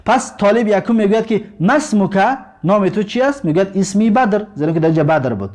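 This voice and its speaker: A man with a high-pitched voice and a Tajik accent walks listeners through textbook exercises. He reads each word, repeats it and translates it, going slowly and steadily. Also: lively intonation, darkish tone. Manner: explains words slowly, repeats and translates them. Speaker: language teacher. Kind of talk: recorded lesson explaining textbook exercises.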